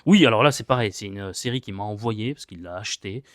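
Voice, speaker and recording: A man's voice: fairly low pitch, fast talker, fairly bright tone. A man casually reviewing manga he has read, chatty and rambling, with many hesitations and repeated words, joking about his own English accent.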